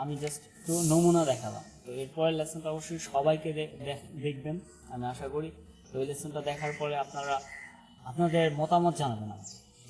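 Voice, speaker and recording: A man gives an online pronunciation lesson, pausing often with fillers and restarts and checking in with the viewers. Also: on the high side, warm tone, long reverb tail, rough recording. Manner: halting, with frequent fillers and restarts, repeats "ঠিক আছে?" to check on viewers. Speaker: English pronunciation teacher.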